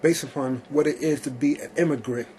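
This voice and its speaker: A man's voice: medium pitch, steady tone, a little fast, mellow, a little hiss or hum. Long-winded talk show host, man. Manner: long-winded, rephrases questions, constant "okay" and "yes". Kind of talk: casual interview.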